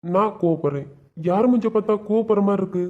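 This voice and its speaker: A man's voice: sits high, quick pace, close to an everyday voice. A man voicing a stern but loving young husband in a cartoon, firm and lecturing. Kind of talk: cartoon web series voice acting. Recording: dull lo-fi sound.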